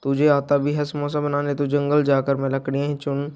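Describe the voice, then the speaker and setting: A man's voice: fairly high pitch, completely flat delivery, brisk, a little mellow, smooth, close to an everyday voice. A man voicing a scornful village customer who mocks and complains. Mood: mocking. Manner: mocking, disgusted.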